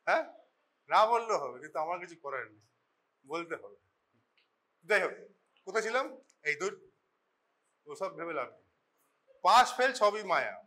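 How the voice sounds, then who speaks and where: Bright-voiced Bengali lecturer in class. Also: male voice, high-pitched, very animated, normal speed, long pauses. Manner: chatty, scolding, switches into English mid-sentence. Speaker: forensic medicine lecturer. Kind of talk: informal classroom teaching. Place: college classroom.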